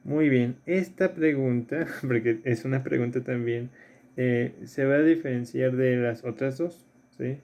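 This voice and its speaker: In this recorded distance class, a man who teaches philosophy reviews exercises one step at a time, speaking at a measured pace in a mid-range, slightly mellow voice. Key terms come up again and again, and he keeps asking "¿sí?".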